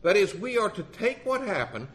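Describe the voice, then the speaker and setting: A man's voice: high voice, big pitch swings, normal speed, a bit bright. A man in his sixties with a legal background, giving a sermon in a wry, earnest storytelling manner. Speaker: lay preacher with a legal background.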